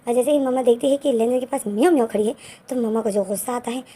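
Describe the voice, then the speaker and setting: A woman's voice: a little high, racing, mellow, husky. Chatty woman retelling a fan story. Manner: chatty, enthusiastic asides to viewers. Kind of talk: casual fan-fiction retelling.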